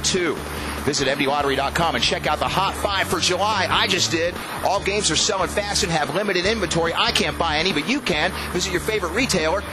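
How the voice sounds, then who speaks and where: A middle-aged man hosting a lottery drawing, announcing numbers in a booming, playful prize-announcer style. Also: noisy background. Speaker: radio personality hosting a televised lottery drawing. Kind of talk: scripted live announcing of drawn numbers. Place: TV studio. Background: music.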